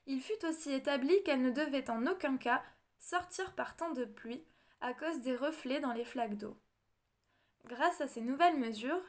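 A woman narrating a storybook audiobook in a measured, expressive read-aloud manner. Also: sits high. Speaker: audiobook reader.

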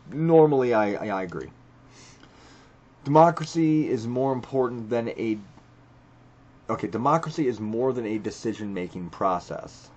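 A mid-range, darkish male voice, recorded with dull audio, narrates a screen recording. This video creator reads out quiz questions and responds to every one bluntly and profanely, stumbling and restarting as he thinks aloud.

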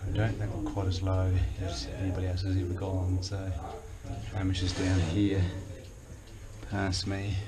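A man, a caver chatting casually and making wry remarks while exploring deep underground. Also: completely flat delivery, moderate pace. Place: deep inside a rock cave. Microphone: action camera carried in the cave. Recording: echoey cave, far from mic, loud noise.

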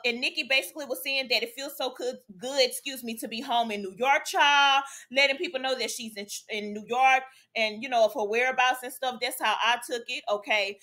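A woman runs a chatty celebrity gossip vlog in a high, bright voice. She talks to her viewers like friends, calling them y'all and child and ending her points with "okay?". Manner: tags lines with "okay?". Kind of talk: casual gossip commentary.

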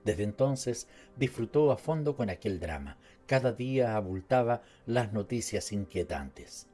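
Man, Latin American Spanish accent, audiobook narration, measured, warm mellow voice, faint music. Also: on the low side, expressive. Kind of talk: scripted narration.

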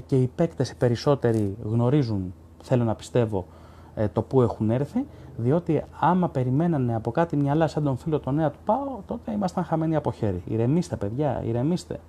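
Hosting a live stream, a sports journalist with a mellow, mid-range voice reads out viewers' comments and argues back bluntly. His casual commentary has many fillers and restarts.

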